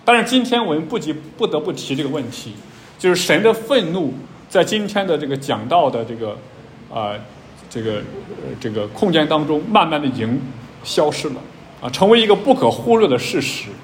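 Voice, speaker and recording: A man preaches a teaching sermon in a slightly raised voice, talking it through with many small fillers. His pitch climbs when he stresses a point. A faint hiss sits under the recording. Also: very animated, moderate pace. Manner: many fillers, rising emphasis on key points.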